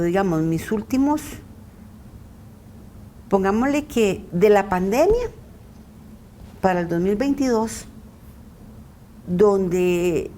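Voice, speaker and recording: A woman's voice: mid-range voice, darkish tone, slight background noise. A middle-aged woman giving an earnest personal testimony as a podcast interview guest. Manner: earnest, recounting, often acting out quoted voices.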